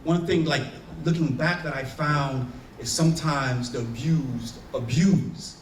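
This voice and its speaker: This man's voice is on the high side, moving at a measured pace, with a Haitian accent. On a panel in a conference room, he reflects on personal matters earnestly and searchingly, with frequent fillers and restarts. He sounds far away in an echoey room, with slight background noise.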